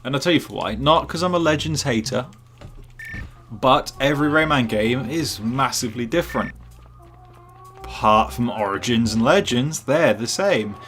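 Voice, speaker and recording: A man's voice: mid-range voice, expressive, moderate pace, fairly bright tone, soft background music. A man streaming live gameplay who rambles, jokes and chats with his viewers. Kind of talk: casual live gameplay commentary.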